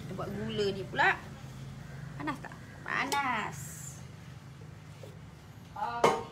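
In her home kitchen, a Malaysian-accented woman runs a cooking demo for her vlog, talking slowly in a voice on the high side. She's chatty and laughs a lot as she shares emotional personal stories, with heavy background noise throughout.

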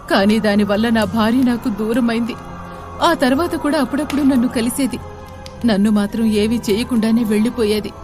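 A grieving man begging for his wife's life, voiced by a woman in a spoken storybook. The pleading voice rides high and earnest. Soft music hums underneath. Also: lightly acted. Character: desperate husband begging for his wife.

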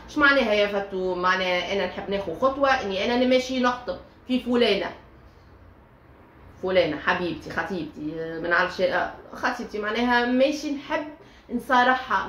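A woman with a Tunisian accent giving a chatty tarot reading, talking straight to her listeners with many fillers. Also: mid-range voice. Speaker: tarot reader. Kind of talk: casual tarot reading monologue. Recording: echoey room with faint ambient noise.

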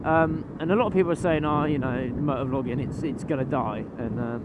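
A man's voice: medium pitch, a little fast, narrow, tinny audio. A young man chatting casually while riding a motorbike at night, rambling with fillers and casual swearing. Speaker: motovlogger. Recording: road and engine noise behind.

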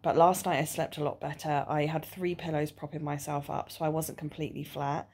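Weary woman with a sore jaw, low-pitched. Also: flat delivery, fairly quick, a little mellow, breathy edge. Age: 20s. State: sore jaw after dental surgery, mouth not opening fully; tired and nauseous. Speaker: vlogger. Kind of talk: casual video diary. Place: small living room or bedroom at home.

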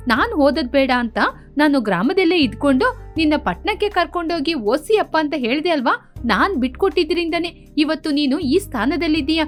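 A woman voicing a stern, loyal older sister from the village who scolds firmly. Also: sits high. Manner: scolding, firm.

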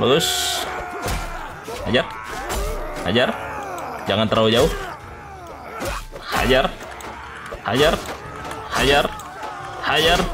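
A man giving excitable let's play commentary, shouting orders at his troops during battles. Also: mid-range voice. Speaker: gaming YouTuber. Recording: game music behind the voice.

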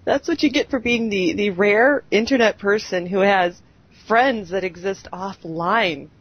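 A woman's voice: a little slow, breathy edge, dry recording, highs cut off. A woman co-hosting a show with dry, teasing casual banter. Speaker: show co-host. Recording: faint low rumble and hiss.

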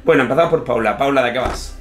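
A man in his thirties with an accent from Spain, hoarse with his voice giving out, casually hosting a family game vlog. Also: mid-range voice, quick pace. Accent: Spain Spanish. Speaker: host of a family board game channel. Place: indoor room with game shelves. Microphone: microphones set on the table, at some distance. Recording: roomy, echoey sound from table mics.

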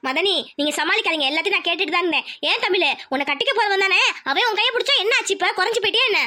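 A woman voicing a scheming, sharp-tongued village aunt in a homemade cartoon, speaking coldly and cuttingly. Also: extremely high pitch, lively intonation, very fast, heavily acted. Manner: cold, cutting, threatening. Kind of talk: cartoon voice acting.

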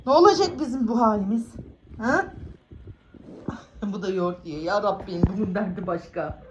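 A woman vlogging casually from a village house, calling and cooing to her cats in a high, excited voice and laughing often. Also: normal speed, dull audio, background noise.

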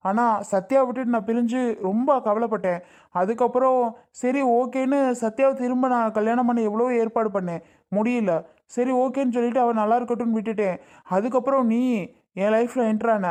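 A man's voice: extremely high pitch, a little mellow. A man voicing a jealous young ex-husband in a Tamil cartoon drama, insistent and self-justifying as he tries to win back his wife.

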